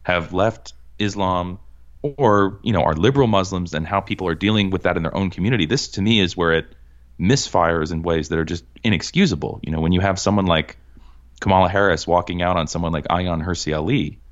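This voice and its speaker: A man's voice: low voice, a little fast. A man from Massachusetts hosting a casual conversation, talking earnestly with frequent restarts and firm emphasis. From Cambridge, Massachusetts. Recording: dull lo-fi sound.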